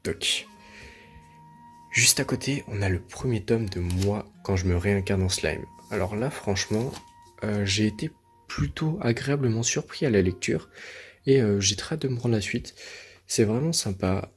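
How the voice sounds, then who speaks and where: A man hosting his own video, chatting casually and showing off his collection, relaxed and full of hesitations and fillers. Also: lowish voice, normal speed, soft background music. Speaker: manga collection video host.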